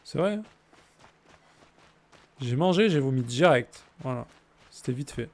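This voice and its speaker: This male streamer has a medium-pitched, slightly mellow voice with lively intonation, speaking a little slowly. He casually jokes with viewers and answers their messages while playing a game.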